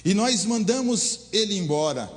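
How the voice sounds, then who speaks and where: A man's voice: sits high, animated, normal speed. A man voicing a company director who speaks formally and apologetically. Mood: apologetic. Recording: long hall reverb.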